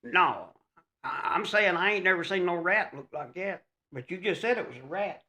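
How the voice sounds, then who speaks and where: A man's voice: high voice, lively intonation, normal speed, pushed and bright. A man co-hosting a casual podcast, telling folksy stories and teasing with wisecracks. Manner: folksy drawl, teasing wisecracks, double negatives. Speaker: podcast co-host. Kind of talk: casual chat, storytelling.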